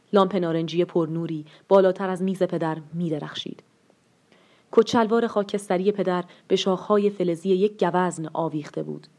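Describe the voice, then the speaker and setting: A woman narrating a short story in a calm, even storytelling manner. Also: on the low side. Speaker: story reader.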